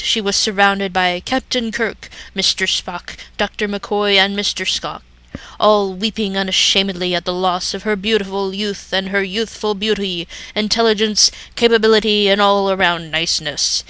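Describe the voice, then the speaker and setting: A woman's voice: medium pitch, pushed and bright, clean tone, no echo, rough recording. A woman reading a story as dramatic scripted narration, theatrical and mock-earnest in her delivery. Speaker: story reader.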